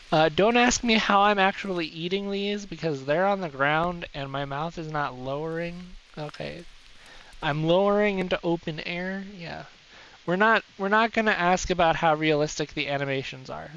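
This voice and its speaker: A young man talks through his game session in a loose, playful, rambling way and pokes fun at himself. His voice sits a little higher than most men's. A faint hiss runs under it. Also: fairly bright tone, poor audio. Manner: playful, rambling, self-mocking jokes. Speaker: streamer. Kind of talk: casual live gameplay commentary.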